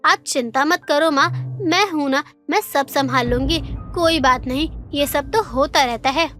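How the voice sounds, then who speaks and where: A woman voicing a patient, polite young tailor in a cartoon story, speaking gently and respectfully. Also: high voice, unhurried, faint music behind. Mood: reassuring.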